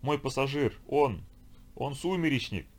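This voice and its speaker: A man voicing a tortured yacht captain in an audiobook, halting and pleading. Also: medium pitch, animated, pitched above the performer's own voice. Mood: terrified. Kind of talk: audiobook character voice.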